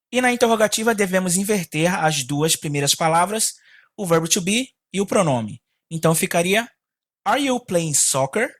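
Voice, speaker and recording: A teacher walks through a grammar lesson at an unhurried, careful pace. Each English example comes twice and slower, as if for dictation, and the voice rises slightly to flag each new rule. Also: medium pitch, a bit bright. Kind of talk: recorded online lesson.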